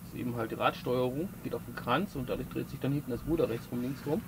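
Inside the cramped cabin of a sailboat, a man refitting his boat chats casually about the parts he's working on as he repairs them by hand. His voice is medium-pitched with vocal fry and a quick pace, and background noise can be heard.

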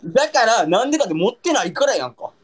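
A man's voice: high voice, big pitch swings, rapid-fire, breathy edge. A man with a Kansai accent, joking on a casual livestream with playful mock-salesman patter. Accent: Kansai Japanese.

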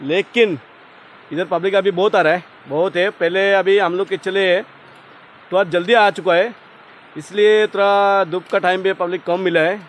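A man filming a casual travel vlog outdoors by a loud waterfall, excited and jokey, often repeating himself. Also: high voice, normal speed. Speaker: vlogger. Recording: noisy outdoor recording. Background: waterfall roar and ambience.

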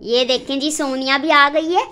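A woman, narrating a casual home vlog in a fond, chatty way. Her voice sits fairly high for a woman. She is recorded on a handheld phone indoors at home. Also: fairly even intonation, moderate pace, bright, forceful tone. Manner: chatty, affectionate, talks fondly to the cats. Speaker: vlogger. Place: home kitchen and rooms, indoors.

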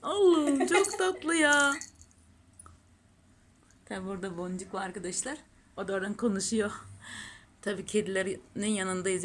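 A woman's voice: mid-range voice, vocal fry, a little mellow, slight background noise. A woman filming her cats at home, cooing over them and chatting casually to her viewers. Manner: doting, gushing baby talk to her cats. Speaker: pet channel host. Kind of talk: casual home pet vlog.

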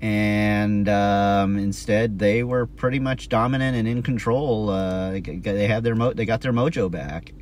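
A man giving a casual vlog recap in a halting, hesitant way, with wind on the mic. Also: on the low side, steady tone. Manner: hesitant, halting delivery with repeated words. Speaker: windsurf foiling vlogger. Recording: wind on mic, loud noise, distant voice.

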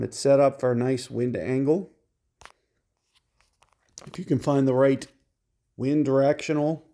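A man narrates his mobile golf game in a steady, methodical way, breaking down each shot's numbers for his viewers. His voice is gravelly and mellow, sitting at an ordinary middle pitch. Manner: calm, methodical explaining of shot calculations. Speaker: game guide creator. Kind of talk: mobile game walkthrough commentary.

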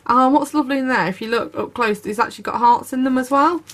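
A woman's voice: high-pitched, fast talker, a bit bright. A woman, narrating a craft unboxing video with gushing enthusiasm. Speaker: craft YouTuber. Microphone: camera over tabletop, speaker off screen.

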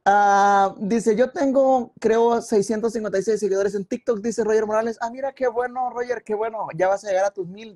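Mellow-voiced man chatting on a live stream. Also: high voice. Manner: rambling, reads comments aloud. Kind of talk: casual live stream chat with viewers. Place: home, at a computer.

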